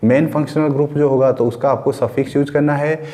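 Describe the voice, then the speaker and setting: A man's voice: fairly high pitch, fairly even intonation, brisk, mellow, big-room sound. A male chemistry teacher with an Indian accent, explaining a lecture step by step, asking questions and answering them himself, mixing English terms into Hindi. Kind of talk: classroom lecture.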